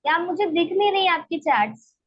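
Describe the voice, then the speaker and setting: High-voiced woman teaching English grammar. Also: lively intonation, moderate pace. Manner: explains step by step, checks understanding with "ठीक है?". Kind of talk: online grammar class. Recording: dull lo-fi online class audio.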